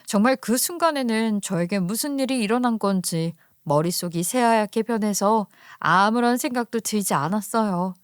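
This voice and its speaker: A woman's voice: a little high, dry recording, studio quality. A woman giving a scripted first-person story narration in an indignant, conversational tone.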